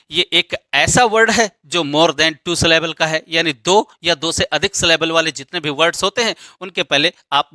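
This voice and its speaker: A man's voice: a little high, sharp tone, no echo. A man teaching an English grammar lesson, explaining step by step and posing questions that he answers himself.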